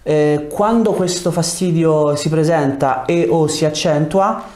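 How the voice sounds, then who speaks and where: A man in his thirties working as a chiropractor talks a little slowly in a slightly high, slightly mellow voice. Inside a small treatment room and wearing a lapel mic, he explains and issues brief clinical instructions and questions to a patient, keeping them short and directive.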